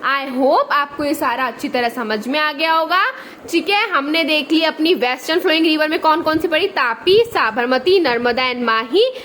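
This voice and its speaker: A woman giving a lecture, slowly spelling out memory tricks and often checking in with her listeners. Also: sits high, fairly bright tone, slight background noise. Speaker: teacher.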